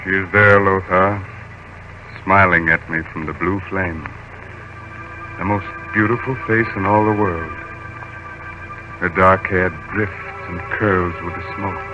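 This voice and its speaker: An actor playing a calm, mysterious male magician in a 1930s radio drama, speaking smoothly and with quiet command. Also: deep voice, lo-fi sound, over music. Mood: dreamy. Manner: smooth, unhurried, dreamy to commanding. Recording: noisy old radio recording.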